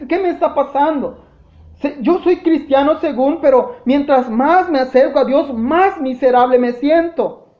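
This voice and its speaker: High-voiced Mexican pastor preaching in an echoey church. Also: male voice. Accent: Mexican Spanish. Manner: impassioned preaching, often calls out "brothers". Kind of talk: sermon. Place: church sanctuary. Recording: echoey church, dull lo-fi sound.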